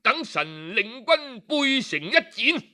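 Slow, sharp, and wide-ranging in pitch, this Cantonese-accented man recounts a historical story the traditional way. Dramatic sighs fall between his phrases, and his voice rises or drops to play each quoted character.

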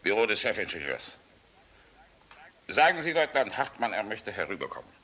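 A middle-aged general in a radio drama, proud, sardonic and weary. His voice is deep and forceful, swinging widely from grave, measured lines to barked command. The recording is an old, slightly noisy one. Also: sing-song. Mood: brisk, commanding. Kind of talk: German radio play acting.

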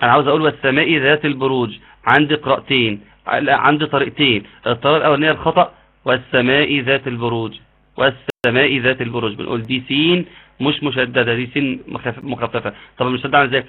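A man with an Egyptian accent teaching an online tajweed lesson, explaining patiently and modeling slow recitation. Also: medium pitch, steady tone, slightly rough. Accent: Egyptian Arabic. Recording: tinny phone-like line.

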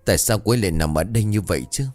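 A man's voice: low voice, rapid-fire, a little mellow, soft background music, lightly acted. A man voicing an anxious, bewildered young man in a spoken ghost story.

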